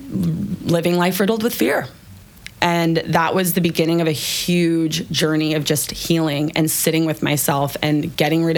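A woman founder, a podcast guest, telling her personal story candidly and with emotion, swearing casually now and then. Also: low-pitched.

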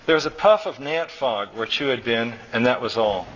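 A man reads his own short story aloud at a college event, his mid-pitched voice steady and unhurried. The recording is dull and lo-fi, with a faint hiss behind him. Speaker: author reading his story. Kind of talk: live fiction reading.

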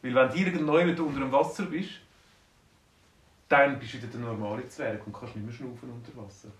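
A man with a Swiss German accent voicing a kindly male wizard who explains things calmly and patiently in a bedtime story. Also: medium pitch, fairly quick, natural voice. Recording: roomy, distant mic, faint noise.

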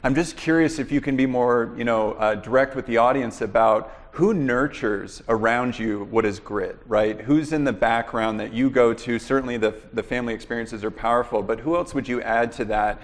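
Brief: male interview host, mid-pitched, rambling storyteller, long room reverb. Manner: rambling, fills pauses with "you know" and "uh". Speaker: podcast host interviewing a guest.

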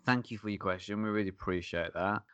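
A man chats casually as co-host of a beer podcast, easygoing and quick to laugh. His voice sits low, and the recording is dry and close with almost no room sound. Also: steady tone, fairly bright tone, clear, resonant tone, no echo. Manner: laid-back, laughing often. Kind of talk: casual chat.

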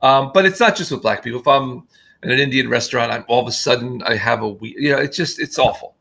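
A man's voice: medium pitch, fast, creaky, fairly bright tone. A man being interviewed on a podcast, talking in a rambling, self-deprecating way with frequent restarts. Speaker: guest filmmaker. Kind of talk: casual podcast conversation.

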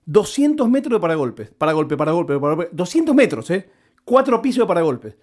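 A man's voice: high-pitched, sing-song, a little fast, a little mellow. A man with an Argentine Spanish accent, telling a story in a casual monologue and repeating words for comic effect.

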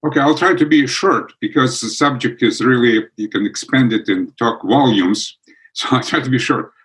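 An older man from Ukraine answering interview questions in English, pausing often with fillers and restarts. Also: medium pitch, fairly bright tone, rough recording. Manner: halting, many fillers and restarts. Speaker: guest.

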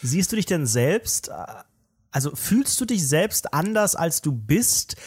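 A man's voice: on the high side, sing-song, slow, darkish tone, husky. A man co-hosting a casual chat, asking dry, teasing questions. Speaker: podcast co-host.

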